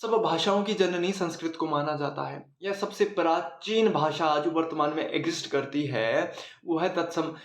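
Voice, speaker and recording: A man's voice: on the high side, moderate pace, hardly any pauses, reverberant. A man teaching a casual Hindi grammar lesson, chatty, repeating words for emphasis and asking and answering his own questions.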